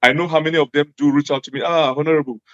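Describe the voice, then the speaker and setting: A man's voice: on the high side, flat delivery, very fast, a bit bright, no room sound. Man, Nigerian Hausa accent, native Hausa speaker, emphatic, repetitive phrasing, interview guest, muffled dry recording. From Jos, Nigeria. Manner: emphatic, repeats phrases for stress. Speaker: interview guest, former government official. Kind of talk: earnest interview testimony.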